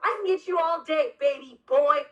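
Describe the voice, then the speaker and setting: A young woman with a high voice hosts a loose, casual chat. She tells her story with big emphasis and a steady stream of swearing. Her delivery stays animated and blunt throughout. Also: normal speed, dull audio. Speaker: host.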